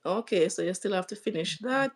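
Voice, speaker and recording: A woman's voice: mid-range voice, expressive, a little fast, low-quality recording. A woman hosting a casual livestream, chatting and greeting viewers by name. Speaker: livestream host.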